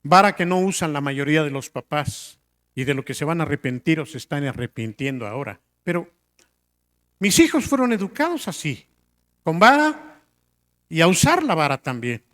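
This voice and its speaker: A middle-aged man preaching a sermon to a congregation, asking rhetorical questions and swinging between loud emphatic lines and quiet drops. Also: on the high side, big pitch swings, normal speed.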